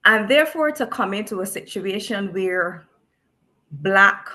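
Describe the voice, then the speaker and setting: A woman's voice: medium pitch, lively intonation, measured pace, bright, forceful tone. A woman from Barbados, a special education teacher speaking thoughtfully as a guest, often repeating words as she searches for them. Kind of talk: reflective discussion.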